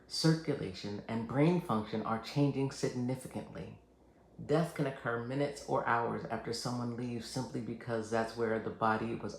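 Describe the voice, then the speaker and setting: A man with a creaky, gravelly voice presents scripted educational material as a hospice nurse. His delivery is measured, earnest and reassuring. The recording is roomy and echoing, with faint noise behind him. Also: mid-range voice. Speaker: hospice nurse and channel host. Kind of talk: scripted educational narration to camera.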